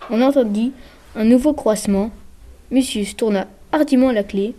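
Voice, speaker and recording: Lady reading a kids' book, mellow and steady. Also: fairly high pitch, moderate pace. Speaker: reader. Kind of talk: scripted narration.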